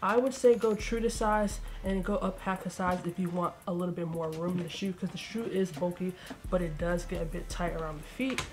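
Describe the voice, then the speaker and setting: Talking a little fast in a lowish, slightly mellow voice with fairly even intonation, this young sneaker vlogger walks through an unboxing. She's laid-back, chatty and slangy, a bit congested, and sits in her bedroom surrounded by shoe shelves.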